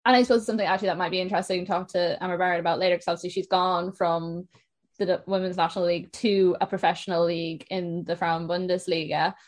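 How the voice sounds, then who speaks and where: A woman's voice: on the low side, steady tone, quick pace. A young woman with a west of Ireland accent, hosting a casual podcast interview. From Sligo, west of Ireland.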